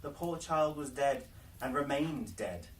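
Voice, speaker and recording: A man reading a fairy tale aloud as a storyteller, with theatrical, deliberate phrasing. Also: medium pitch, animated. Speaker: library storyteller. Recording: noisy, distant microphone, clicks.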